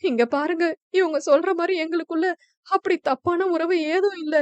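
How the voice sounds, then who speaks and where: A woman voicing a young widowed village woman who cries as she pleads her innocence, in a high, tearful voice. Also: normal speed, dry recording. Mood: weeping, pleading. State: crying. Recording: dull, dry lo-fi recording.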